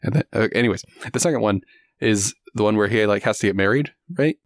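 A man's voice: fairly low pitch, fast, dry recording, clean studio sound. A man co-hosting a podcast in casual chat, jokey and rambling. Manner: jokey, rambling, does silly impressions. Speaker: podcast co-host.

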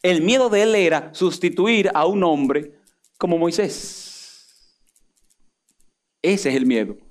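A pastor preaches with a notably high voice for a man. He keeps asking his listeners questions and answering them himself, and he acts out the words of the people he quotes. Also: expressive, slow. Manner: dramatic, acts out quoted speech. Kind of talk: sermon.

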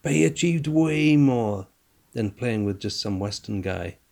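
A man's voice: medium pitch, animated, a little slow, vocal fry, darkish tone. A man with a broad, strong Scottish accent chatting casually and in a rambling, self-deprecating way as a podcast host. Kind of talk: casual chat.

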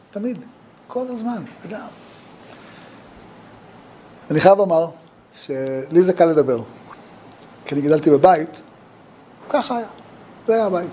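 A man giving a Torah talk as a rabbi, telling stories in an animated way with sudden jumps up in pitch. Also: slight background noise, poor audio.

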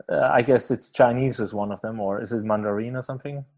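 A Swiss podcast host, not an English speaker, chats with his interview guest in a relaxed style marked by fillers, restarts and frequent laughter. He talks briskly, with a mid-range, darkish voice and a steady tone.

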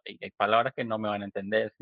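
A man's voice: fairly low pitch, fast, dry recording. Laughing Venezuelan man, lo-fi sound. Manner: laughs often, relaxed agreeable replies. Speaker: podcast host. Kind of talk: casual podcast conversation. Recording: dull lo-fi recording.

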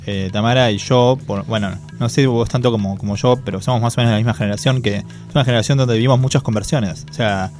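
A man's voice: medium pitch, fairly even intonation, quick pace, few pauses, a little mellow, soft background music. A man with a Rioplatense Spanish accent, chatting casually as co-host and thinking aloud with many fillers. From Argentina. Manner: thoughtful, hesitant with many fillers. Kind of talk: casual conversation.

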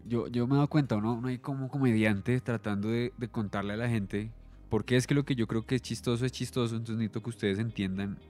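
A man's voice: medium pitch, fairly even intonation, fast, darkish tone, faint music behind. A man with a Colombian accent, a comedian co-hosting a casual podcast chat, laid-back and crude with lots of slang.

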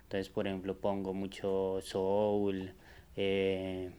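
A man, a musician guest, talking in a relaxed, rambling way with many hesitant fillers. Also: low-pitched, takes it slowly, smooth. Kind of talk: casual conversation.

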